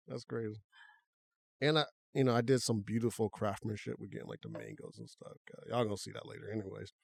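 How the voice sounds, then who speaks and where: A man's voice: lowish voice, fast talker, creaky, slightly rough, no echo, clean studio sound. A man co-hosting a podcast, chatting casually and thinking aloud as he talks. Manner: relaxed, conversational, talks through restarts. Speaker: podcast co-host.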